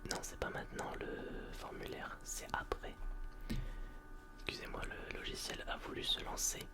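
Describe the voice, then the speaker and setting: A person in a whispered role-play, playing a polite, attentive librarian in a soft library whisper, explaining things with some hesitation. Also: moderate pace. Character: polite, attentive, gently chiding public librarian serving a borrower. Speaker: ASMR performer playing a librarian.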